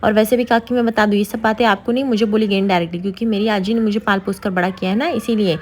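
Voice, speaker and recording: Give me a woman playing a brash, suspicious young man who mocks everyone, rattled off fast. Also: mid-range voice, fairly even intonation, lightly acted. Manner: teasing, blunt, mocking.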